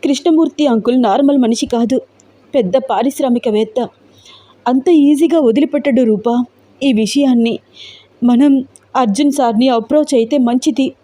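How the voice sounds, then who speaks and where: A woman's voice: sits high, moderate pace, pauses often, warm tone, voice pushed up. A woman doing anxious young friend Teja. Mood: urging. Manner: worried, pressing questions.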